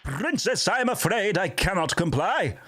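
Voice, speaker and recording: A man's voice: high voice, big pitch swings, measured pace, sharp tone, a little hiss or hum, voice pushed up, full character voice. A man voicing a dutiful, insistent royal guard captain in a fantasy game, formal and urgent in command.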